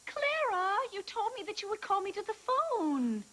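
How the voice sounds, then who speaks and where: A woman's voice: very high-pitched, sing-song, normal speed, a bit bright, heavily acted. An actress playing a friendly, bubbly young woman in a daytime soap opera, casual in manner.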